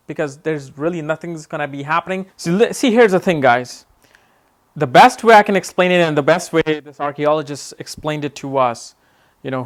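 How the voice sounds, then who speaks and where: A man's voice: fairly high pitch, a bit bright. A man talking casually to his viewers in a rambling, tipsy way, saying he is losing his voice. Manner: rambling, says he is a bit drunk. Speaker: astrology vlogger. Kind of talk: casual talk to camera.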